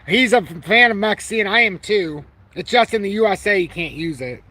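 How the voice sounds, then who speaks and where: A man's voice: sits high, animated, moderate pace, pushed and bright. A man of forty, brash and rambling, who swears casually and keeps correcting himself as he hosts a casual live stream. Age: 40s. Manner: talks about himself through frequent self-corrections. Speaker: crypto channel host.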